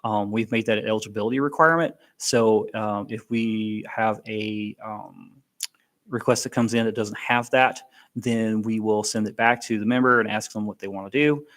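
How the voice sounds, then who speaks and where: A man's voice: on the low side, fairly even intonation, moderate pace, a bit bright. A man presenting an informal briefing on education benefits, explaining plainly with frequent ums and restarts.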